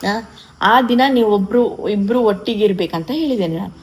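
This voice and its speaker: Female vlogger, 30s, mid pitch, chatty and emotional. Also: normal speed, a little mellow, faint music behind, poor audio. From coastal Karnataka, India. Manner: chatty and emotional, with frequent restarts. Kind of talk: casual vlog chat.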